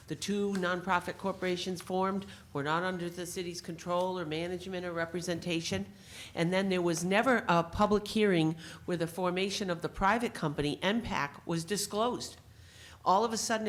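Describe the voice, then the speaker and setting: A woman giving an insistent, pointed public comment at a city board meeting. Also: fairly low pitch. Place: city council meeting room.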